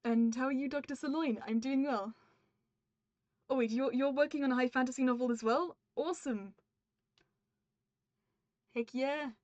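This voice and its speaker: A high-voiced UK woman reads her draft on a writing stream at a moderate pace, with fairly even intonation, long pauses and a darkish tone. She breaks off mid-sentence to edit and chat, upbeat and friendly with viewers. The dry recording is dull and muffled.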